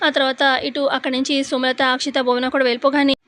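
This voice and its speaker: A woman's voice: high voice, level tone, fast, a bit bright. A woman casually retelling a television serial episode in a chatty storytelling manner. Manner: chatty, linking with repeated connectors.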